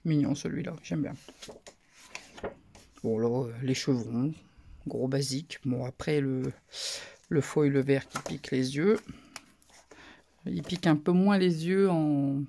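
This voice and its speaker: A woman casually talking through a craft haul, soft-spoken and murmuring, her asides drifting into whispers. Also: sits low, vocal fry, slight background noise. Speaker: craft vlogger.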